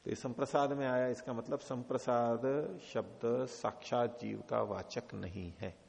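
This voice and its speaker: A man with an Indian accent giving a scripture lecture, explaining slowly, chanting Sanskrit quotes and asking and answering his own questions. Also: mid-range voice, fairly even intonation, vocal fry, darkish tone. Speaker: Vedanta teacher. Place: ashram lecture hall. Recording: dull lo-fi audio, long hall reverb.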